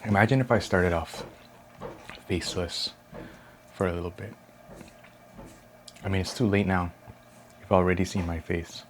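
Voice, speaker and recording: Young guy, really low voice, soft rambly asmr chat at home, faint construction noise behind. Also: steady tone, normal speed, long pauses. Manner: rambling, soft-spoken, thinks aloud. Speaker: ASMR creator. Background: construction and room ambience.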